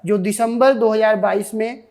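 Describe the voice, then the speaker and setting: A woman's voice: a little high, fairly even intonation, normal speed, darkish tone. A woman with an Indian accent giving an online exam coaching lecture, repeating key points and answering her own questions. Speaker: defence exam coaching teacher.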